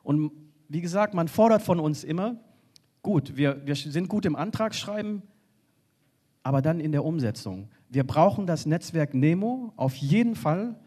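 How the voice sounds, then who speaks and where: A man speaking earnestly on a panel from a stage, often halting and restarting. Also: a little high, expressive, warm tone. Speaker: panel speaker for a refugee organization. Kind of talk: spoken panel contribution. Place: stage in a hall.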